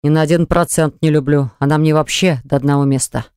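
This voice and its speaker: An audiobook narrator voicing a jealous, hot-tempered man who snarls and hisses his lines low. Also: fairly even intonation, a little fast, darkish tone, clear, resonant tone, no room sound, studio quality, natural voice. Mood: defensive.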